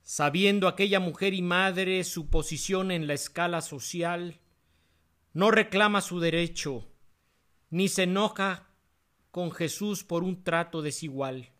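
A man preaches a sermon at an unhurried, deliberate pace. His voice sits a little high for a man and rises for emphasis on key phrases. He drops lower and faster to cite chapter and verse. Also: fairly bright tone. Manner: cites chapter and verse in a quick aside, voice dropping.

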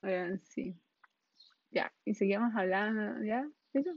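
A woman's voice: medium pitch, measured pace, no room sound, dull audio. A young woman with a Chilean accent tells a personal story in a casual monologue, rambling, scattered, full of slang and frequent laughter. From northern Chile. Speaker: podcast host.

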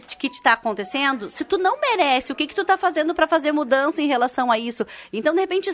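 A woman's voice: high voice, fairly bright tone. A woman with a southern Brazilian accent giving earnest, motivational opinions as a talk show guest.

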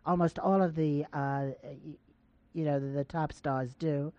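A woman's voice: low voice, steady tone, measured pace, warm tone. A woman hosting a radio call-in show, chatting casually and teasing her callers in a coaxing way. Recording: dull lo-fi radio broadcast sound.

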